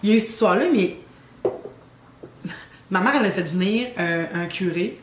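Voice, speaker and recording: A woman's voice: medium pitch, moderate pace. Québécois woman telling a ghost story. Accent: Québécois French. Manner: animated storyteller, teasing suspense. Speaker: guest telling her story. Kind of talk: casual podcast storytelling. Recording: roomy with faint ambient noise.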